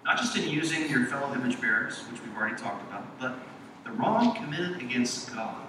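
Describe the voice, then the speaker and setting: A man preaching a sermon in measured, emphatic phrases with dramatic pauses. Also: medium pitch, sing-song. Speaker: pastor. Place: large echoing church sanctuary. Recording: echoey hall, distant mic, background noise.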